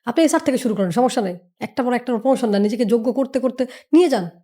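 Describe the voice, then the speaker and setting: A woman talks as a business mentor on a podcast. Her fairly high voice races along at a brisk clip. She drives her points home with emphasis, repetition and rhetorical questions. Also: animated, mellow. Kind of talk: motivational podcast talk.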